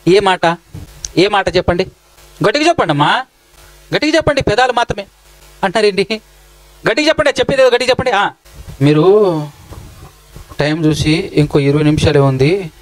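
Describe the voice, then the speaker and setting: A man's voice: high voice, poor audio. A male preacher with a Telangana Telugu accent, giving a sermon in a church and questioning and scolding the congregation directly. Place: church hall.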